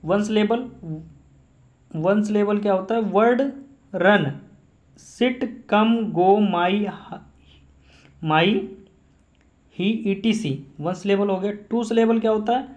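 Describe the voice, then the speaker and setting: Male grammar teacher, high voice, slow, repeats definitions, self-questioning. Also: dull audio. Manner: repeats each definition slowly, asks and answers his own questions. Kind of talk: classroom-style grammar lesson.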